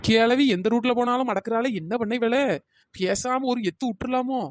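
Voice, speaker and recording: A woman's voice: on the high side, normal speed, no room sound, studio quality, close to an everyday voice. A woman voicing a cheeky, evasive young daughter-in-law in a cartoon. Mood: muttering. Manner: pleading then muttering backtalk. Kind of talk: cartoon dialogue.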